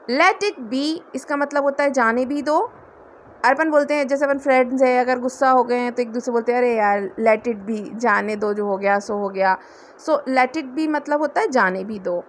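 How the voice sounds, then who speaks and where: Woman tutor, high voice, patient step-by-step explainer, light background hiss. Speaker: English tutor. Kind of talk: spoken English lesson.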